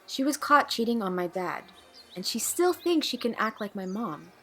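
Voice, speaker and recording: A woman with a fairly high, sing-song voice speaks at a moderate pace as Nicole, a guarded, troubled, awkward and wary young woman in an audio drama. Her delivery is hesitant and plain, the mood guarded and confessional. It is naturalistic amateur acting.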